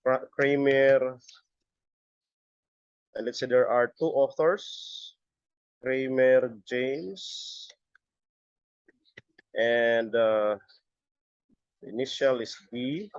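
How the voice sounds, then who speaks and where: A middle-aged man giving a step-by-step software tutorial as an instructor, halting and often repeating his words. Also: medium pitch, clear, resonant tone, dry recording. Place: busy area, on a video call or webcam setup. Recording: dull lo-fi audio.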